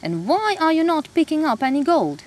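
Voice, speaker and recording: A woman's voice: high voice, big pitch swings, normal speed, a little mellow, pitched above the performer's own voice. A woman voicing an earnest male gold prospector addressing a crowd, for a storybook reading. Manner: speech-making, earnest.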